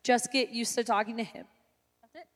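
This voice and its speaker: A woman's voice: fairly high pitch, steady tone, fairly quick, long reverb tail. A woman in her late twenties, a pastor on a panel, talking casually and jokingly. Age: 20s. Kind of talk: panel Q&A chat.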